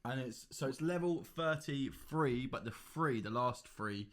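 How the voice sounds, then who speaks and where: A man's voice: medium pitch, animated, measured pace. A man co-hosting a casual podcast, bantering and joking with his friends. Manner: jokey, bantering. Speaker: podcast co-host.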